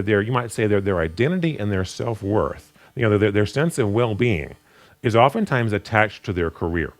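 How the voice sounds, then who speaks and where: A man teaches from scripture in an unscripted sermon. His pitch swings widely, jumping up to stress a point. He often stumbles, repeating words before he finds his phrase. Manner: halting, with frequent repeated words and restarts; animated pitch, rising sharply for emphasis. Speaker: Bible teacher. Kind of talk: unscripted Bible study sermon.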